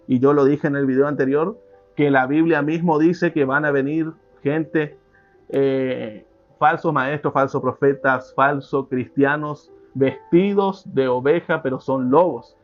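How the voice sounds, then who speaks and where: A preacher gives a sermon slowly, repeating himself and restarting his phrases. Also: fairly high pitch. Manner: slow, repetitive teaching with many restarts. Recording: dull lo-fi recording.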